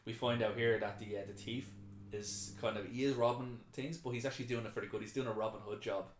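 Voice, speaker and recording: A man with a fairly low voice pitches ideas eagerly. He often stops and restarts his sentences as he thinks aloud. The recording has a roomy echo. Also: steady tone, quick pace, a little hiss or hum. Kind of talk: casual brainstorming chat.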